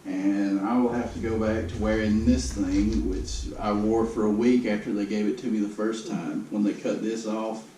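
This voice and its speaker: Speaking with few pauses at a normal speed, a man with a lowish, steady, dark-toned voice offers a matter-of-fact, downbeat video update about his health. The distant camera mic leaves the sound roomy and noisy.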